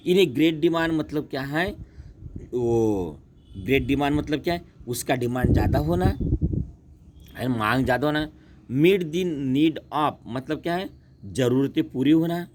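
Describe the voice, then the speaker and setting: A man teaching a class, slowly repeating words and asking and answering his own questions. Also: mid-range voice, slight background noise. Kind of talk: classroom lesson.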